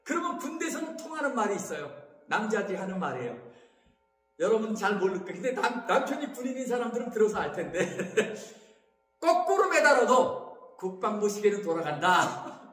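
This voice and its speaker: A male pastor preaching a sermon, emphatic and breaking into shouts, calling on the congregation for amens. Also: high-pitched, very animated, fast, soft background music. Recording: echoey hall reverb.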